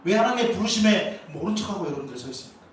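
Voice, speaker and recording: A man's voice: high voice, big pitch swings, rapid-fire. A man preaching a Sunday sermon as pastor, emphatic and full of rhetorical questions, in a church sanctuary. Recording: echoey church hall, from far off, faint noise.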